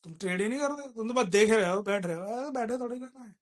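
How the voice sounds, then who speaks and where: A man's voice: sits high, quick pace. A man teaching stock trading live, calling out stocks and teasing his students with scolding banter. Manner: raises voice to call out stocks. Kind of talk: live market commentary class.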